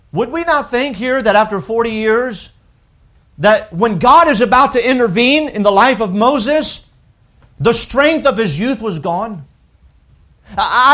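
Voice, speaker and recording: A man of about forty who was raised in France preaches a sermon with a French accent and an extremely high-pitched voice. His delivery is lively, though he stammers and restarts.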